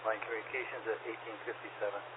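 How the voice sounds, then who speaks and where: Fast-talking male dispatcher heard over a two-way radio, clipped readbacks, tinny scanner sound with heavy static. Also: on the low side, level tone. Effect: two-way radio transmission. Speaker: fire dispatcher.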